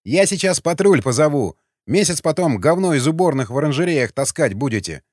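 A man voicing a jumpy young male sentry who yells in panic. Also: fairly high pitch, very animated, brisk, no echo, clean studio sound. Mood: alarmed yelling. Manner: yelling in panic.

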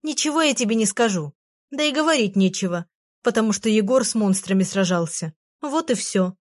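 A woman's voice: mid-range voice, lively intonation, no echo, clean studio sound, lightly acted. A woman voicing a tiny, proud, easily offended female fairy in an audiobook, speaking pertly. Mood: offhand. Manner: pert and proud, quick to take offence. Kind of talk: audiobook character voice.

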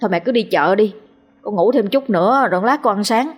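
A woman's voice: medium pitch, expressive, a little fast, husky. A woman voicing a young man under a ghost's spell who swears oaths and snaps at his mother, in a spoken ghost story. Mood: irritable. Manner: irritable, pleading, rising to panic. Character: young man, sullen and strained, bewitched.

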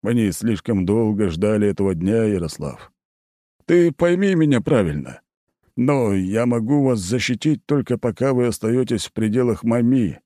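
A man's voice: lowish voice, animated, normal speed, dark tone, no room sound, studio quality, voice pushed up, lightly acted. A man voicing an aging, worried count and academy rector who gives urgent, insistent warnings in an audiobook. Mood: urgent pleading. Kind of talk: audiobook character voice.

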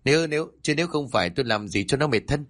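A man's voice: medium pitch, expressive, quick pace, a bit bright, voice pushed up. A man voicing a quarrelsome, scheming old mother-in-law who scolds her daughter-in-law. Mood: indignant. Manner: scolding, grumbling.

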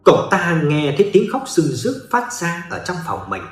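A man's voice: fairly high pitch, wildly swooping pitch, normal speed, roomy sound. A man giving dramatic scripted narration of a ghost story.

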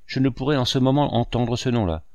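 A man's voice: mid-range voice, fairly quick, dark tone, no echo, lo-fi sound, voice pushed up, natural voice. A man reading aloud, voicing an aging male painter who muses wryly and wistfully to his housekeeper. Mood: shaken. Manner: wry musing monologue addressed to a housekeeper.

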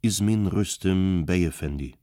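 Man doing suave Ottoman gentleman, courteous, deep voice, slow measured delivery, dry recording. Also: no echo. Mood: solemn.

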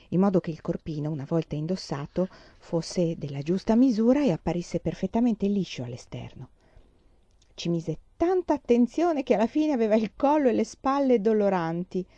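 A woman reading a storybook aloud in a calm, measured narration. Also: medium pitch, dry recording, dull audio. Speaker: audiobook reader.

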